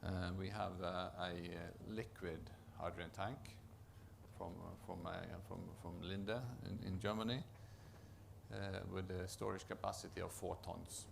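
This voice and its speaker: There's a halting quality to this Norwegian man's conference talk: he keeps pausing, restarting, and repeating words. A project manager with a low, creaky, gravelly voice and a Norwegian accent, he speaks with fairly level intonation against background noise.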